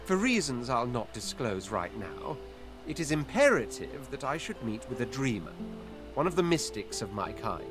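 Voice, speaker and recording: A man performs a grandiloquent lizard prince for a video game. He is haughty and condescending, with theatrical phrasing and a lively, swooping delivery over game music. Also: mid-range voice, normal speed, lightly acted. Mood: lofty, bargaining. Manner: pompous, theatrical, flowery phrasing. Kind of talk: video game character acting.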